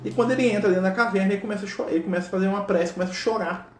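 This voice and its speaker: A man's voice: high-pitched, fairly even intonation, racing, background noise. A Brazilian man telling a religious story in a casual, chatty way, peppering it with tag questions. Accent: Brazilian Portuguese. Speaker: spiritual speaker. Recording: roomy echo.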